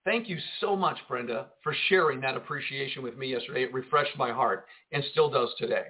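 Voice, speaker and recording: Over tinny phone-line audio, a pastor and radio host preaches fervently and greets listeners on a live broadcast. His mid-range voice is brisk, swinging between loud emphasis and quieter asides.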